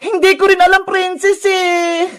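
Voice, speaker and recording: A polite, cheerful little cartoon girl speaks in a very high, unhurried voice, as a woman puts her on. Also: little pitch movement, a bit bright, exaggerated voice.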